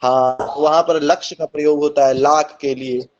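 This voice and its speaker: A man teaching Sanskrit numbers in an online coaching class, reciting slowly and deliberately and often checking in with his students. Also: fairly high pitch, fairly even intonation. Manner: slow, deliberate recitation with frequent "ठीक है?" checks. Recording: slightly dull lo-fi recording.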